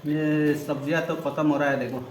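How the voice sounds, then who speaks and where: A man casually hosting a mukbang eating vlog, talking between bites with pauses and hums. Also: on the high side, flat delivery, soft background music. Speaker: vlog host. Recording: echoey, background noise.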